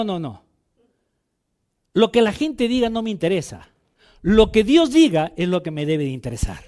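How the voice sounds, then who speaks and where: Male pastor preaching, really high voice, fired up, keeps repeating himself. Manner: fervent preaching with repetitions and anecdotes. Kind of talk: sermon.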